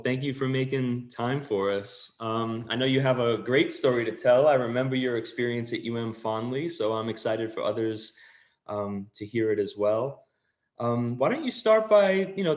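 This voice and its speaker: A man hosting an interview, introducing his guest and asking questions in an upbeat, friendly way. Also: mid-range voice. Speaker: host.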